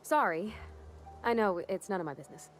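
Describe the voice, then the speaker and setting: Shy, apologetic young woman with a soft, hesitant delivery and faint music under it, a woman acting it out. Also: mid-range voice, animated, fairly quick, natural voice. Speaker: game companion. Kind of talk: video game voice acting.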